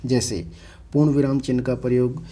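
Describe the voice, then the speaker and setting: A man teaching an online exam-prep grammar lesson, explaining slowly and repeating himself, often asking the class questions he then answers. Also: mid-range voice, level tone, mellow, a little hiss or hum.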